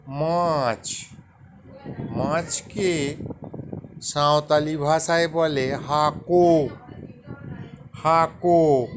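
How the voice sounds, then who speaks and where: A man teaching vocabulary in a slow spoken lesson, saying each word several times over. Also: on the high side. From West Bengal. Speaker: language teacher. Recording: noisy outdoor recording with passing traffic.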